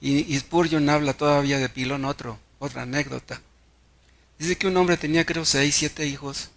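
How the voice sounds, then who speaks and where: Mexican male pastor, sermon, gravelly voice, somewhat high pitch, rhetorical questions, stumbling restarts. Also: fairly even intonation, moderate pace. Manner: storytelling with rhetorical questions to the congregation; repeats words and restarts mid-phrase.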